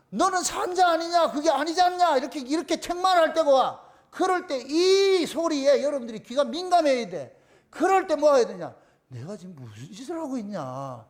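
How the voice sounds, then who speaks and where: A man with a Gyeongsang accent preaching a sermon as pastor, emphatic and repetitive, asking the congregation questions and answering them himself. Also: very high-pitched. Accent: Gyeongsang Korean. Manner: repeats phrases for emphasis.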